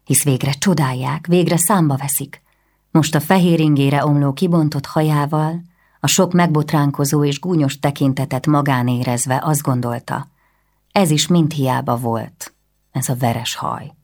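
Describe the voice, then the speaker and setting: A woman reading a historical novel aloud as an audiobook narrator, in a measured, even way. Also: deep voice. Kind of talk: scripted narration.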